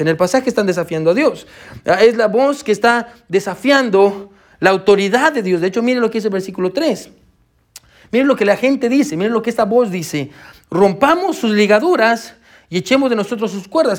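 High-voiced preacher man, halting and repetitive. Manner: halting with many fillers and repeated words, frequent "amén"; addresses the congregation as brother and sisters. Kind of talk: sermon.

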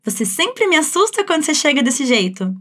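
Uma professora de francês com sotaque brasileiro, dando aula de um jeito animado, coloquial e encorajador. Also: female voice, high-pitched, very animated, brisk, a bit bright. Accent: Brazilian. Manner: upbeat, chatty, encouraging. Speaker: French teacher. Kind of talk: language lesson.

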